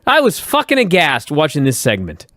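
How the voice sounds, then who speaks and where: A man hosting a podcast, recapping old wrestling shows in a profane, animated way and acting out quotes. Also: on the high side, normal speed, dry recording. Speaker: podcast host.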